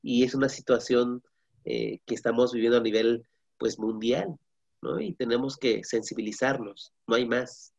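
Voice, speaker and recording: A man with a gravelly edge speaks in a measured, reflective way, often closing his points with a tag question. His voice comes through as dull video call audio. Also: medium pitch, darkish tone. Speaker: guest, parent. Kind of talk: casual panel chat.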